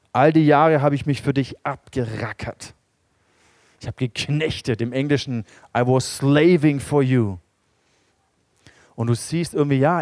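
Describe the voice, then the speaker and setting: A man preaching a sermon in a lively storytelling way, acting out the characters he quotes. Now and then he drops to a quiet, low voice to stress a point. The sound is dry and close, with no room echo. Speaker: pastor.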